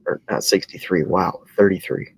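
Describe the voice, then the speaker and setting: A husky-voiced man in his early twenties chatting casually, rambling and correcting himself. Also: deep voice, normal speed. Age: 20s. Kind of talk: casual chat. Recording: dry, dull lo-fi sound.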